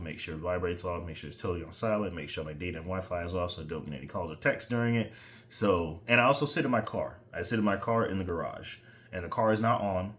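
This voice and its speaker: In this laid-back screen-share tutorial, a very deep-voiced musician talks us through a mix he made himself. His commentary is loose and rambling, with occasional digressions and plenty of self-deprecating jokes about his skills.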